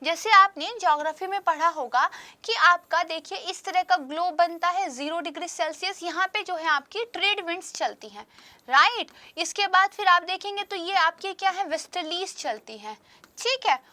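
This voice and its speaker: Bright, high-voiced woman teaching exam prep. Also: animated, moderate pace, no room sound. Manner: explanatory, checks in with "right?" and "okay". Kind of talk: explaining current affairs with practice questions.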